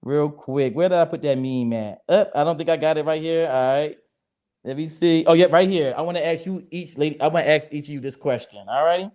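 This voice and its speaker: A man's voice: on the high side, brisk, a little mellow. A young man moderating a casual panel chat in a joking, blunt and profane way. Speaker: moderator of a discussion show.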